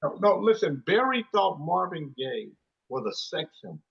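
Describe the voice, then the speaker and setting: This musician in his thirties is very animated as he tells rambling, casual stories in an interview, often saying "you know" and restarting sentences. His fairly high voice is creaky and slightly rough at a normal speed, recorded with muffled sound.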